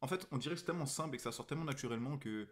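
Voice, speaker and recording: A man co-hosting a casual chat reacting to a new rap album, excitable and stumbling over repeated words when enthused. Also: medium pitch, very fast. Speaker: reaction show co-host.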